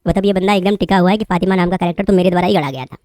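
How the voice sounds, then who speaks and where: A woman's voice: lowish voice, racing, darkish tone, no echo, clean studio sound. A woman commentator reading out social media posts and remarking on them in a chatty way, talking straight to her viewers. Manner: chatty, addresses viewers directly as brother.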